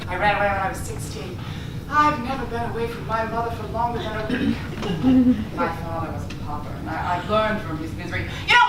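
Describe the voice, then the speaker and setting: A woman's voice: a little high, lightly acted. A woman playing a boastful, vain male escape artist, speechifying in a grandiose, self-important way in a stage monologue. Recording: echoey distant stage recording, noisy.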